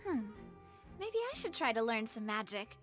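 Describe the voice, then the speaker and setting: A woman's voice: on the high side, very animated, moderate pace, over music. A woman voicing a confident, playful young woman leader in a video game. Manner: playful, bold. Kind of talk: game voice acting.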